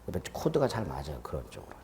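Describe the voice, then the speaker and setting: A middle-aged man giving a law lecture to a class, chatty and self-teasing, often dropping to a low murmur. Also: wildly swooping pitch, rapid-fire, vocal fry, darkish tone, long reverb tail, slight background noise. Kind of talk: classroom lecture with joking asides. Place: lecture room with students.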